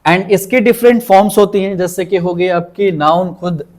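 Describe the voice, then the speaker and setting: Brief: high-pitched male tutor, patient, repeats words slowly. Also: fairly even intonation, a little mellow. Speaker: English teacher. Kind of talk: vocabulary lesson.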